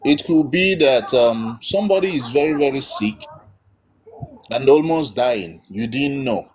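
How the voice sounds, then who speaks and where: A man's voice: mid-range voice, expressive, measured pace. A man giving emphatic, blunt spiritual counsel as host of a live call-in.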